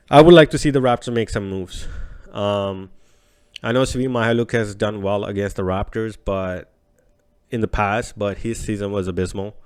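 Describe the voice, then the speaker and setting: A man's voice: lowish voice, darkish tone, clear, resonant tone. A man with a nasal, congested voice from a cold, hosting an opinionated, casual sports commentary show. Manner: opinionated, conversational, informal. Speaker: host.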